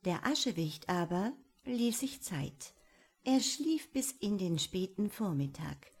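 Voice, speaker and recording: A woman reading a fairy tale aloud in a calm storytelling manner. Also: mid-range voice, slow, husky.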